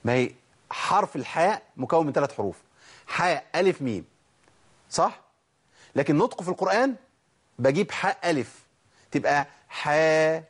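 A man's voice: fairly high pitch, sing-song, brisk, long pauses, breathy edge. An Egyptian man teaching Quran recitation, drilling letter sounds aloud and asking and answering his own questions. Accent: Egyptian Arabic. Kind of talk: tajweed lesson.

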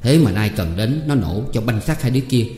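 A man reading a short story aloud in a steady, measured way. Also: medium pitch. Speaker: narrator. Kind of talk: audiobook narration. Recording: roomy reverb with faint music.

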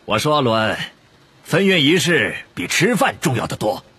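A man's voice: medium pitch, big pitch swings, moderate pace, pushed and bright, breathy edge, dry recording, pitched above the performer's own voice, full character voice. A man voicing a genteel, proud school ghost who speaks in a prim, proper way, in a storybook reading.

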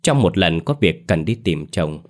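A man narrating a ghost story in a steady, dramatic reading voice. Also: sits low, measured pace.

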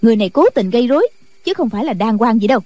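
A woman's voice: a little high, lively intonation, racing, dark tone, no room sound. A woman voicing a stern, impatient female Buddhist nun who speaks in curt commands.

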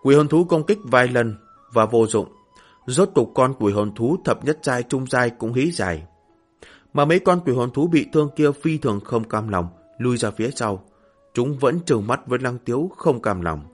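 Male narrator, husky tone, steady read over faint music. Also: medium pitch, normal speed. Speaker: audiobook narrator. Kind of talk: scripted fantasy novel narration.

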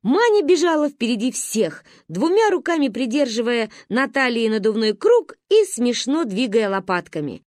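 A woman narrating a humorous story as an audiobook, with lively storytelling. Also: a little high, normal speed, hardly any pauses, no echo, studio quality. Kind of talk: expressive audiobook reading.

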